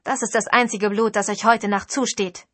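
A woman reading an audiobook who voices a young priestess heroine, calling out loud, forceful commands in a breathy voice. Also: mid-range voice, fairly even intonation, normal speed, no echo, natural voice. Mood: commanding.

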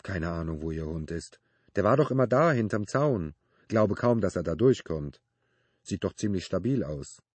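A laid-back mechanic with a deep, husky voice, as a male narrator plays him, chatting offhandedly in loose everyday speech. It is read close and dry, like an audiobook. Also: moderate pace, no echo. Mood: offhand. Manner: relaxed, offhand colloquial talk.

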